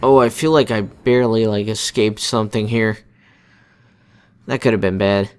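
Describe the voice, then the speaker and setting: A man's voice: on the low side, steady tone, normal speed, clean tone. A young man giving casual, laid-back commentary while playing a video game, talking colloquially. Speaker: gamer narrating a playthrough.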